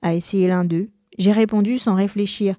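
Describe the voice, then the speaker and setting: A woman reading a first-person novel aloud in a measured, expressive narrating style. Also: medium pitch, no room sound, studio quality. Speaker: reader.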